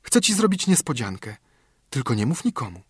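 A man voicing a gentle, excited little girl who speaks quickly and tenderly, with a husky voice. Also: mid-range voice, no room sound, studio quality, pitched above the performer's own voice. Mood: eager. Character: sweet excited little girl gifting her doll.

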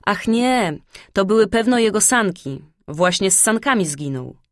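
A woman voicing an eager little girl who is looking for her friend, excited and earnest. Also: mid-range voice, unhurried, no echo, studio quality.

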